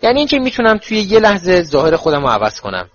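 A man's voice: high-pitched, huge pitch swings, lo-fi sound, soft background music, pitched above the performer's own voice. A man voicing a cheerful, clumsy young witch who is bubbly and boastful. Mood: chatty.

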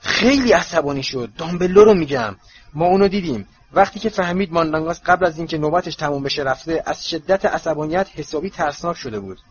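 A man's voice: a little high, big pitch swings, darkish tone, pitched above the performer's own voice. A man voicing an anxious, earnest teenage girl in a storybook reading, in a slightly muffled recording with faint hiss. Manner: pleading, breathless.

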